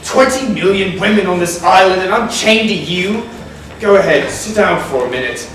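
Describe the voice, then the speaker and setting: A man's voice: sits high, moderate pace, heavy background noise, close to an everyday voice. A man playing a wry hero on the run. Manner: dry, sardonic. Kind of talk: 1940s radio acting. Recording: echoey, distant, music behind.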